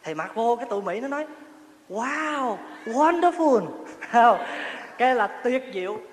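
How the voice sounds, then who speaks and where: A male Buddhist monk with a very high-pitched voice talks fast in a chatty, humorous dharma talk, telling stories, laughing often and asking his listeners questions. The sound is a roomy hall with long reverb, faint ambience and a little hiss or hum.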